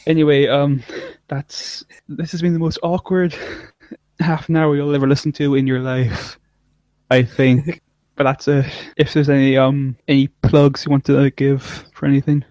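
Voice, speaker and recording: A man's voice: mid-range voice, level tone, moderate pace, a little mellow, no room sound. A man hosting a casual podcast chat, rambling with stumbling restarts and frequent laughs. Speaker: podcast host. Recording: dull lo-fi dry recording.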